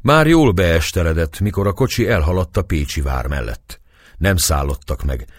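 Deep husky storybook narrator. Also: male voice, no echo, studio quality. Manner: expressive storytelling reading. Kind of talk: audiobook narration.

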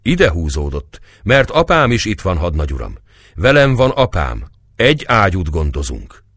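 A man's voice: low voice, huge pitch swings, fairly bright tone, dry recording, clean studio sound, full character voice. A man voicing a polite young blond soldier lad in a read novel. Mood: respectful.

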